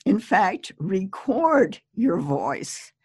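Slow, husky woman poet. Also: mid-range voice, very animated, no room sound. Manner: slow, measured and chatty, with small laughs. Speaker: poet giving advice, podcast guest. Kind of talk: relaxed conversational advice.

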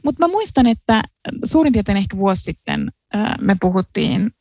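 A woman's voice: mid-range voice, very animated, a little mellow, no room sound. A woman co-hosting a book podcast, chatting casually and musing aloud with fillers and laughs. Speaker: podcast co-host. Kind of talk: casual chat about books.

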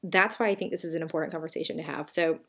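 A woman's voice: low-pitched, fairly even intonation, racing, fairly bright tone. A woman with a Southern US accent hosting a solo podcast, talking in a chatty, reflective way with frequent fillers and self-corrections. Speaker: podcast host.

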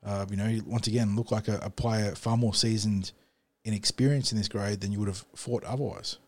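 A man's voice: lowish voice, fairly even intonation, brisk, darkish tone, no room sound. A man co-hosting a podcast, analysing a match in long, fluent runs. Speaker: podcast co-host. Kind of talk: casual sports analysis.

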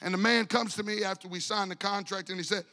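Male pastor, high bright voice, animated storyteller who plays every character, church hall echo. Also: quick pace. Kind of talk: storytelling sermon. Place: church sanctuary.

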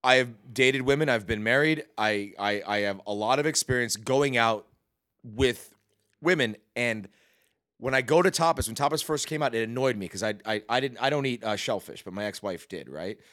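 A man's voice: mid-range voice, moderate pace, a bit bright. A middle-aged man co-hosting a casual talk show, crude and opinionated, swearing freely. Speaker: podcast co-host. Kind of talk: casual chat.

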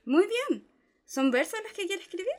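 A woman's voice: extremely high pitch, sing-song, moderate pace. A woman playing a patient, pedantic male philosophy tutor who explains in a methodical way, in a dramatic reading. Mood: explaining.

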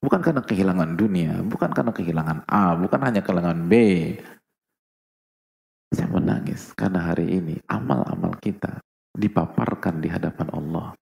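Male preacher, low and gravelly, sermon delivery with hushed asides and loud peaks. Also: fairly quick. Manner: rhetorical questions to the audience, swings between soft and loud. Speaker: Islamic preacher.

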